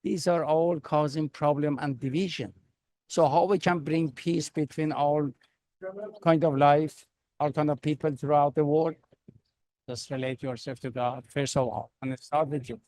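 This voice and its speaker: Man, earnest, preaching tone, slightly high voice, dry close sound. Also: fairly even intonation, normal speed, darkish tone, no room sound. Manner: earnest, preaching, simple phrasing. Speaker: peace organization speaker. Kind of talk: earnest interview answer.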